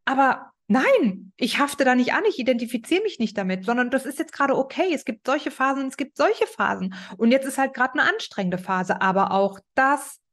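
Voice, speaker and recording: A woman's voice: high-pitched, expressive, moderate pace, hardly any pauses. A middle-aged woman hosting a podcast, talking through a personal monologue and repeating her key phrases for emphasis. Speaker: podcast host.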